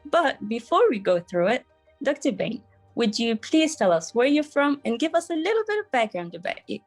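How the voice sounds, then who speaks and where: A woman's voice: on the high side, very animated, normal speed, faint music behind. A young woman co-hosting a podcast, reading prepared interview questions in an eager, upbeat way. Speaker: podcast co-host.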